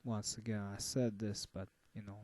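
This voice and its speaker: A man giving a casual album review, halting and full of fillers and restarts. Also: on the low side, level tone, darkish tone, no room sound. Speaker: music reviewer.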